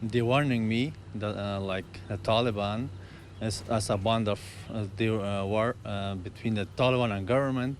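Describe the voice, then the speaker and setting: A man from Afghanistan, whose first language is not English, speaks hesitant, broken English with an Afghan accent and many fillers as a guest in a live TV interview. His voice is lowish and steady in tone, at a moderate pace, with a little hiss or hum in the recording.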